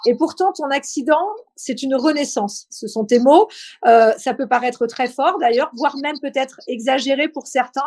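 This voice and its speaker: A woman with a high-pitched voice hosts a live interview. She speaks informally, setting up questions and addressing her guest in a familiar way. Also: normal speed, a little mellow. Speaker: interview host. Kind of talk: live online interview, quiz-style questions then conversation.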